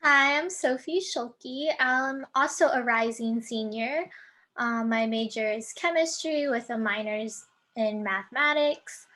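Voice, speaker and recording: Young female student panelist, a bit high-pitched, plain and brief. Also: unhurried, bright, forceful tone, poor audio. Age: early 20s.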